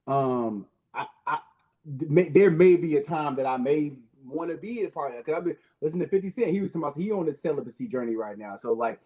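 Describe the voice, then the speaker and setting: A man with a husky, slightly raspy voice, pitched a bit above the male norm, chats on a panel. He is laid-back, restarts his sentences, and swears offhandedly. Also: animated, fast, dark tone. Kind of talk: casual panel chat.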